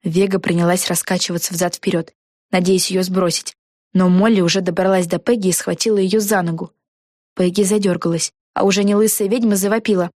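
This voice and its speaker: A woman narrating a children's storybook, telling it in an even, clear way. Her voice sits on the low side. The recording is dry and close. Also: fairly quick, no echo.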